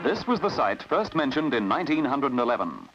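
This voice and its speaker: On a dull old archival recording with music underneath, a man with an Australian accent and a mid-range voice narrates a newsreel. His brisk announcer delivery carries lively intonation.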